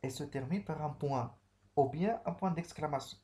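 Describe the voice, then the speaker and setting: A man's voice: on the high side, normal speed, warm tone. A man teaching a grammar lesson to pupils, patiently repeating each key phrase.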